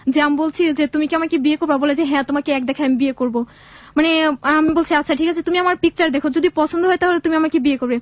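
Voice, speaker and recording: A woman's voice: high-pitched, steady tone, racing, no room sound. A young woman calling a radio show to tell her life story, rambling and often restarting her sentences. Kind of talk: emotional personal storytelling on radio. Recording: dull lo-fi radio audio.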